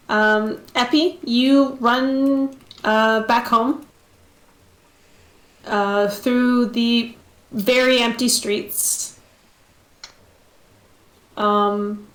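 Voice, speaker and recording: A woman narrating as game master of a tabletop game, unhurried, with frequent ums and easy laughter. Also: fairly high pitch. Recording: echoey room.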